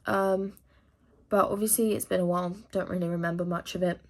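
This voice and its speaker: Speaking briskly in a lowish, steady, darkish voice, this teenage vlogger from England chats to camera. English is her first language, and she answers questions in a rambling way with lots of fillers.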